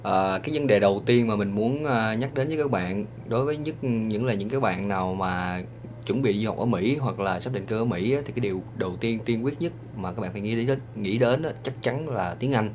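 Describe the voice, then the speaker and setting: A man from Vietnam with a Southern Vietnamese accent, giving casual advice in a chatty monologue full of drawn-out hesitations. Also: on the low side, a little mellow, a little hiss or hum.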